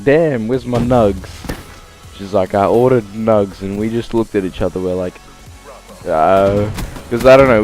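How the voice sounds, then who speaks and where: A young Australian man with a fairly low voice tells a story in a loose vlog style. He swears freely and jumps into voices for the people in it. Faint music plays underneath. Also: darkish tone. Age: young adult. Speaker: vlogger.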